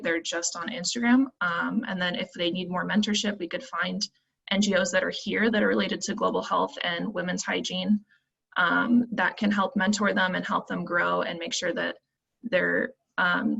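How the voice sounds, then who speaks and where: A young woman from Phoenix walks through her team's pitch on a video call. Her voice is gravelly and a little husky, and she stops often for ums. The audio is dull and lo-fi. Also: sharp tone. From Phoenix, United States. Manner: earnest, many ums while thinking. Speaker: team presenter.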